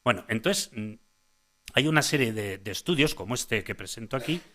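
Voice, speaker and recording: A man gives a conference lecture on early speech, speaking at an average pitch for a man. He talks in a hesitant way, restarting phrases and checking in with "eh?" tags. He points listeners to the slides as he goes. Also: expressive, normal speed, fairly bright tone. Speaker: speech-language psychologist giving a conference talk. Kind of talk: conference lecture to parents and professionals.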